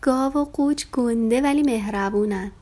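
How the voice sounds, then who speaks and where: A woman voicing a timid, easily frightened little male lamb in a children's story, speaking in a slow, small, childlike voice. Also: a little high, dark tone, voice pushed up, close to an everyday voice. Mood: reassured.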